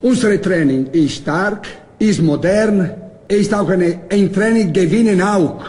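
A man's voice: high voice, a little slow, darkish tone, reverberant, big-room sound. A man giving an emphatic statement in broken German.

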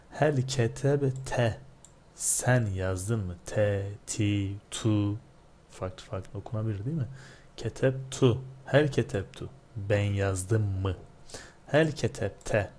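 A man teaching a textbook lesson. He reads phrases slowly, then explains them quickly. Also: fairly low pitch, warm tone, a little hiss or hum. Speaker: Arabic teacher. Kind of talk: textbook lesson, reading and translating line by line.

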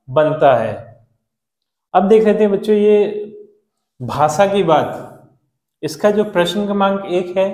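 High-voiced man teaching children. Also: darkish tone, reverberant. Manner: patient, repeats and spells out words slowly. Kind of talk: explaining a school lesson to children.

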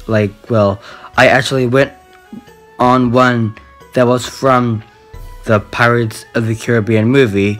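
Teenage male, casual vlog storyteller, slow and halting, repetitive, medium pitch, phone mic indoors, faint music. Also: fairly bright tone. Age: teens. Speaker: video host. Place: small room indoors. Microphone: phone at arm's length.

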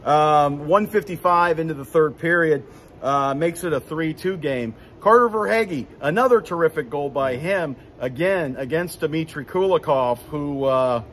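Rinkside in an indoor hockey arena, a man in his fifties rambles through a casual postgame recap with plenty of fillers and restarts. His fairly high voice is a bit bright and a little slow, recorded on a phone camera at arm's length with a slight hiss or hum.

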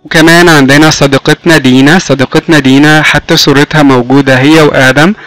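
A man with an Egyptian Arabic accent teaching English words to small children, repeating each word slowly and praising them as his friends. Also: a little high, steady tone, a bit bright, no echo, faint music behind, low-quality recording. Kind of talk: recorded video lesson for kindergarten.

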